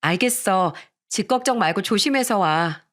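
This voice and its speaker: A woman's voice: mid-range voice, animated, normal speed, fairly bright tone, natural voice. A woman playing an evasive young wife. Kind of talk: radio story reading.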